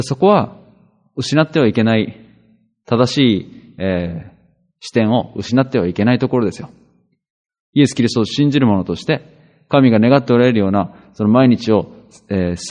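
A man's voice: on the low side, a little mellow, big-room sound. A man preaching a sermon as a pastor, in a conversational style with rhetorical questions and frequent hesitations.

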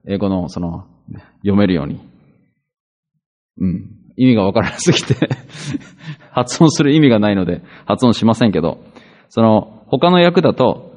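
A man's voice: on the low side, darkish tone, in a large hall. A man preaching a sermon as a pastor, in a conversational style with rhetorical questions and frequent hesitations.

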